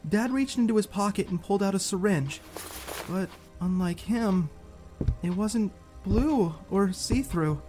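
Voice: mid-range voice, lively intonation, measured pace, dark tone, soft background music, lightly acted. A performer playing a spirited, sarcastic youngster who narrates an audio drama in an informal, candid way. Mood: tense recounting.

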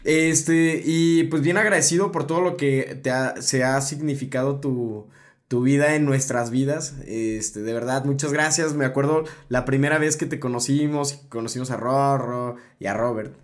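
A man with a Mexican Spanish accent hosting a podcast, slangy and halting, with restarts. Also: medium pitch. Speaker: podcast host. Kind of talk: casual podcast chat.

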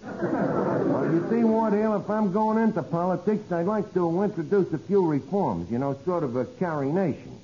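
A man's voice: high-pitched, normal speed, mellow, close to an everyday voice. A male actor playing a dim but scheming, wisecracking tavern man in old radio comedy, with a New York accent and mock-earnest, ungrammatical talk. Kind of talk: 1940s-50s radio comedy acting. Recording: muffled, hissy old radio recording.

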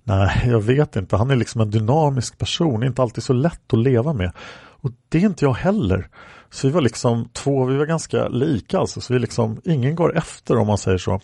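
A man's voice: mid-range voice, lively intonation, gravelly, mellow, husky, no echo, studio quality. A man reading aloud a woman's answers in a police interrogation record, rambling with many fillers. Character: woman questioned by police, plain-spoken.

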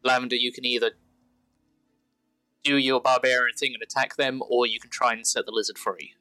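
A man's voice: medium pitch, little pitch movement, brisk, sharp tone, smooth, dry recording, soft background music, low-quality recording. A man narrating a tabletop role-playing game as game master.

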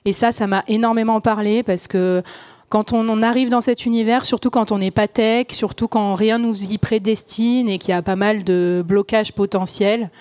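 A woman's voice: mid-range voice, fairly even intonation, moderate pace, darkish tone, no room sound. A woman podcaster talking on a round-table panel in a loose, chatty way, full of fillers and restarts. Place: conference stage.

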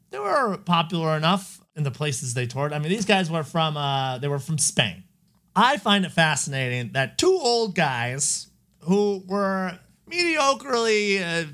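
Chatty, bright-voiced male podcast host. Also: high-pitched. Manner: laughs often, rambling with fillers. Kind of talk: casual chat.

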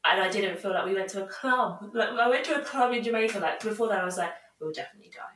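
A woman's voice: medium pitch, fast talker, a bit bright, a little hiss or hum. Chatty young British woman in a roomy space. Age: young adult. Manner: chatty, self-mocking, heavy use of "like". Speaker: podcast co-host. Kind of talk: casual chat, animated anecdotes. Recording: roomy echo, distant from mic.

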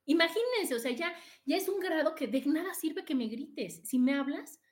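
A woman's voice: high voice, expressive, normal speed. A middle-aged Mexican woman hosting a podcast, giving chatty, casual advice to her live listeners and often checking in with "¿no?". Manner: chatty, tags "¿no?" after points. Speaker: podcast host.

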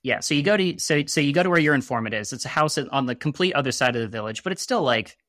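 A man's voice: medium pitch, lively intonation, quick pace, a bit bright, no room sound, studio quality. A man chatting casually on a podcast about a video game, rambling with lots of "you know" and "like" and throwing in sarcastic asides.

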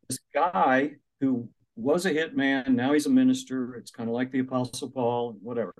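A man's voice: medium pitch, moderate pace. An older man, an author and minister, telling stories in an interview and acting out the voices he quotes. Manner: animated, acts out quoted voices. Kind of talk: interview storytelling.

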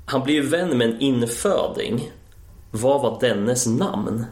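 Relaxed male radio host. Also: mid-range voice, roomy sound. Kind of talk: quiz and interview.

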